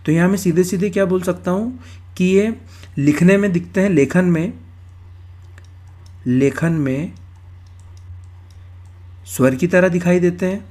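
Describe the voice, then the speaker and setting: A man with a fairly high voice teaches grammar in a recorded exam-prep lecture. He moves step by step, says each key term more than once, and poses questions that he then answers himself. He talks close to the microphone. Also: measured pace, long pauses, mellow. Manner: explains step by step, repeats terms, asks and answers his own questions.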